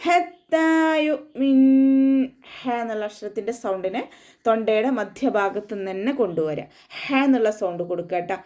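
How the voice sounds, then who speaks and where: A woman gives a tajweed lesson at a mid-range pitch. She talks through the rules patiently and repeats them often. She stops now and then to chant a short phrase slowly as an example. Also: a little mellow. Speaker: Quran recitation teacher. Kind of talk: tajweed lesson, explaining then demonstrating recitation.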